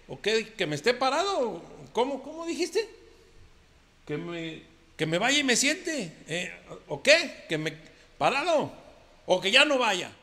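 A man's voice: very high-pitched, sing-song, a little slow, bright, forceful tone, big-room sound, voice pushed up, exaggerated voice. A Mexican man playing a boastful, henpecked macho ranchero who rambles through defensive denials. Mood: blustering. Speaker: comedian.

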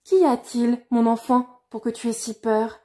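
A woman reading the lines of a kindly but firm old king, a father, in a fairy tale, in a gentle, measured way. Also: a little high, steady tone, natural voice. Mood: concerned. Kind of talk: storybook reading.

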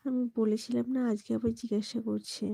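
A woman from West Bengal hosting a late-night live stream from home on her phone, talking softly and hushed while she greets viewers by name and asks them to like and subscribe. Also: fairly high pitch, little pitch movement, fairly quick, vocal fry, dry recording, poor audio. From West Bengal, India. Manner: soft, hushed talk near a whisper.

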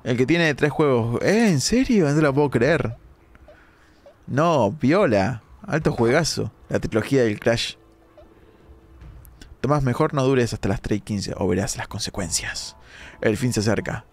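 A young man, hoarse from a sore throat, giving animated live-stream gameplay commentary with dramatic outbursts. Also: mid-range voice, measured pace, long pauses, faint music behind. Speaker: gaming streamer.

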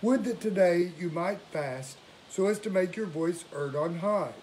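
An older man in the role of priest delivers liturgy with solemn, measured formality. His voice sits a little high for a man. A faint hiss runs behind his prayers and readings in a home recording. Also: lively intonation, darkish tone, low-quality recording. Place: small domestic room indoors.

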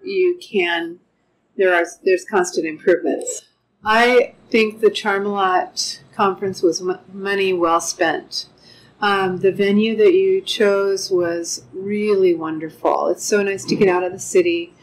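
An older woman, a clinic manager, gives an unscripted customer testimonial in a measured way, pausing often with "um", seated indoors with a lapel mic. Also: mid-range voice, fairly even intonation, slight background noise, low-quality recording. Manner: measured, frequent "um" pauses. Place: wood-paneled room with large windows, indoors.

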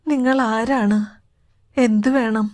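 Brief: woman narrator doing a frightened little man, trembling and pleading, fairly high voice. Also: fairly even intonation, unhurried, darkish tone, natural voice. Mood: anxious.

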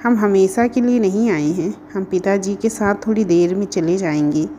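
A woman voicing a kind, caring young boy in a read-aloud storybook, speaking gently and reassuringly. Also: mid-range voice, moderate pace, a little hiss or hum, lightly acted.

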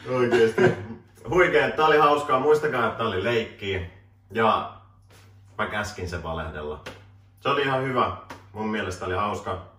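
In a small room, a twenty-something man hosts a joking, casual interview, laughing a lot and reading questions from his phone. His voice is fairly low, animated, and fairly bright. The sound comes from a camera mic at a distance, roomy with faint hiss.

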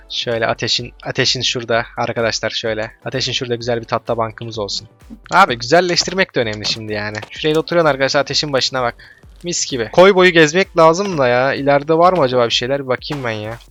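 A man talks his way through a survival game at a brisk clip, chatting straight to his viewers. He gets loud and excited when enemies show up and swears at them. Faint music plays under his voice. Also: medium pitch, dull audio. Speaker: let's play gamer. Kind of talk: casual gameplay commentary.

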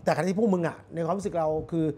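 A man hosting a casual talk show, chatting bluntly with a guest and dropping many quick agreements. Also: high voice, a little mellow, slightly rough. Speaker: podcast host. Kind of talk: casual chat.

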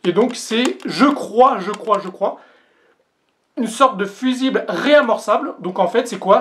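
Talking directly to the audience, a host demonstrates a product during a casual vlog unboxing, their medium-pitched voice carrying a little hiss or hum. They hesitate with lots of fillers and crack a joke about their English accent.

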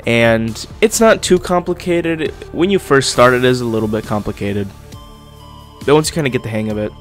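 Soft music plays behind this young man's casual let's-play commentary. A gaming YouTuber and host, he's getting over being sick, so he sounds a little stuffy and speaks with a swollen lip, at normal speed in a mid-range voice.

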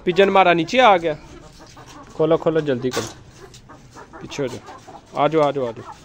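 A man, filming his rooftop chickens on a handheld phone and gently guiding children as they feed the birds. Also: fairly high pitch, lively intonation, a little slow. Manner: gentle, instructive, often coaxing the children. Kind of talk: casual narration while filming, talking to children. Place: outdoor rooftop with chicken coops. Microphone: handheld phone camera, first-person.

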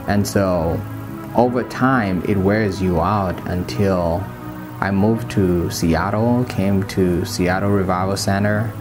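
A young man from Kenya speaks slowly and reflectively, in a very low and deep voice. He shares a personal testimony, with soft background music under his words. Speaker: student testimonial.

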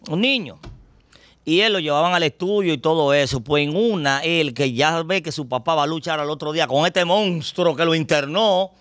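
A middle-aged Dominican man telling anecdotes as a pop culture guest on a podcast, lively and acting out scenes. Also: fairly high pitch, normal speed, dry recording, clean studio sound. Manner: lively, acts out scenes and voices. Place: podcast studio booth.

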